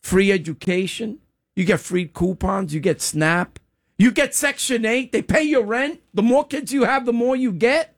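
A man's voice: high-pitched, animated, moderate pace, no echo, clean studio sound. An older man hosts a talk radio show and delivers an emphatic, scolding opinion monologue in short, punchy phrases. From Dominican Republic. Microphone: studio microphone.

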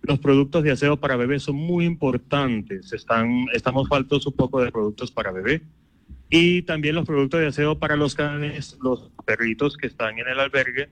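A man with a Venezuelan accent, a shelter volunteer coordinator, speaking earnestly in a live radio interview and pausing on fillers as he lists what is needed. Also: mid-range voice, a bit bright. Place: outdoor park shelter.

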